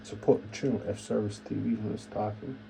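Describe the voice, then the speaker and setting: Male channel host, low dark voice, loose repetitive musing commentary. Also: steady tone, a little fast, vocal fry, a little hiss or hum, low-quality recording. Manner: repetitive, musing, keeps saying "imagine that"; half-joking asides, trails off quietly. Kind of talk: rambling solo commentary.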